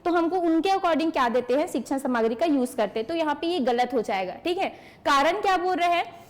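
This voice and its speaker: A woman's voice: sits high, expressive, fairly quick. A woman teacher giving an exam-prep lecture to an online class, explaining by asking questions and answering them herself, and answering students by name.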